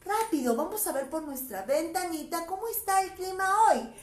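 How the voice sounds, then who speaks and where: A woman's voice: very high-pitched, animated, normal speed, roomy sound. A woman teaching a preschool lesson online, cheerful and coaxing, calling the children by name.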